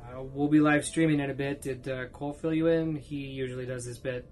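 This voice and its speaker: A woman's voice: very deep voice, fairly even intonation, fairly quick, a little mellow, faint music behind. An actress playing a hesitant, polite woman sound technician who hedges with many ums. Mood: worried. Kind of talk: audio drama.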